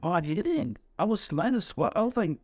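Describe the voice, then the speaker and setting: A young man co-hosting a podcast, telling a story in animated, slangy, profane casual chat. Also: high voice, brisk, no room sound. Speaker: podcast co-host.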